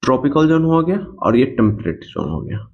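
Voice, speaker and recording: A man's voice: mid-range voice, big pitch swings, normal speed. A man teaching an exam coaching lecture, who repeats key points and asks and answers his own questions. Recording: dull lo-fi sound.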